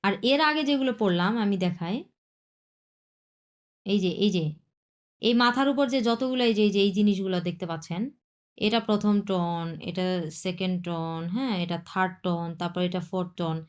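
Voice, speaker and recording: A woman teaches an online language lesson at a mid pitch. She talks patiently and repeats each point, checking often that students understand. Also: moderate pace, long pauses.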